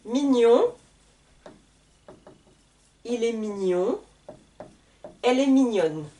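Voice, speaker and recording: A woman teaching a grammar lesson, spelling out letters and repeating word pairs slowly. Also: fairly high pitch, animated, dark tone, distant mic. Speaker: French teacher.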